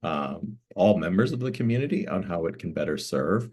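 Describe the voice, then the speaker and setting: A man's voice: sits low, expressive, normal speed, a little mellow, slightly rough. A middle-aged man from Florida, born in Cuba, speaking as a guest director in a community talk, explaining at length with frequent fillers. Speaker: interim museum director, guest.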